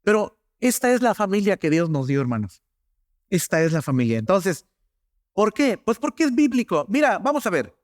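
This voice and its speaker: A man's voice: high voice, very animated, normal speed, no room sound, studio quality. A middle-aged male pastor, preaching a sermon in a conversational, storytelling way with many asides to the congregation.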